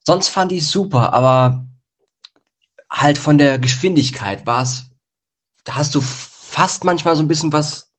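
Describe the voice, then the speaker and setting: A man's voice: fairly high pitch, a little slow. A man on a jury giving hesitant, rambling feedback with fillers. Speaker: jury member.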